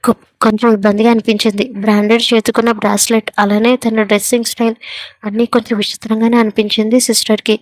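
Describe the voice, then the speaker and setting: Woman narrating a story in a flat voice. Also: a little high, fast talker, no room sound. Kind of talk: scripted narration of a serial story.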